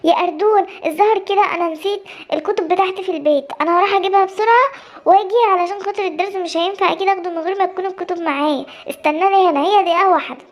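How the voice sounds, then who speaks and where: A tiny, timid cartoon cub boy, voiced by a woman, with an Egyptian accent. His voice is extremely high and squeaky, and the words tumble out at a frantic speed. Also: fairly even intonation, racing. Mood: worried. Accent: Egyptian Arabic. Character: young cub boy, timid and easily frightened. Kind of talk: cartoon voice acting.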